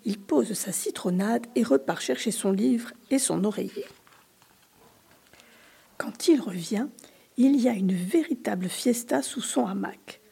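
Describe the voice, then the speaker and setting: A woman giving a whispered storybook reading, soft, hushed and expressive. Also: mid-range voice, unhurried, creaky, breathy edge.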